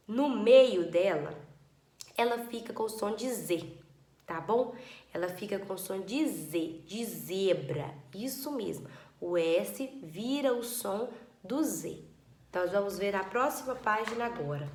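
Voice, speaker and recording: A woman teaching young children a spelling lesson, patient and drawn-out, stretching words syllable by syllable. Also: mid-range voice, roomy sound.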